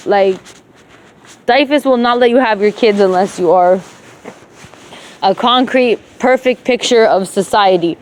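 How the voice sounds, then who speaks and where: Speaking at a measured pace with frequent pauses, a woman with a medium-pitched, darkish voice delivers an emotional, cursing monologue to herself, moving between English and rural Levantine-accented Arabic. There is slight background noise.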